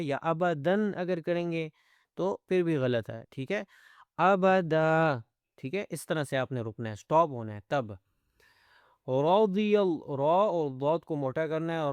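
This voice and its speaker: A man teaching Quran recitation step by step, explaining each letter and then chanting verses slowly. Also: a little high, smooth, no echo.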